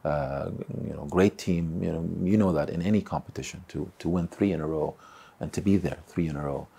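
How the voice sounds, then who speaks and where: A man in his forties speaks in a deep, mellow register with a gravelly, husky grain. He answers questions in a seated interview, stumbling over and repeating words and filling pauses with "uh". He sounds close to the mic in an indoor room. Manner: halting, repeats words, many fillers. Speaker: football club chairman. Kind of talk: sit-down interview. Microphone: close mic, seated on camera.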